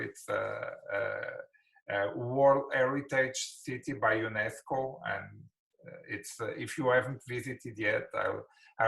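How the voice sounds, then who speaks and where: A man, a spine surgeon from Portugal and a native Portuguese speaker, gives a webinar lecture over a video call with a Portuguese accent, halting often with fillers and restarts. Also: medium pitch, gravelly, fairly bright tone, rough recording. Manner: hesitant, many fillers and restarts.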